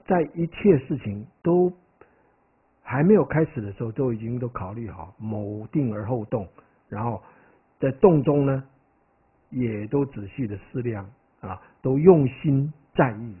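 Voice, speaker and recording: A man's voice: mid-range voice, measured pace. A man, a Buddhist monk, gives a conversational dharma lecture, often asking his listeners "right?" and wandering into stories. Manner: animated, digressive storytelling. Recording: tinny, phone-like lo-fi recording.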